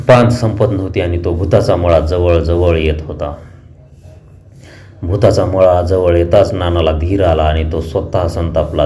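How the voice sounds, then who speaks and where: Man, story narration, very low voice, warm dark tone, steady measured reading.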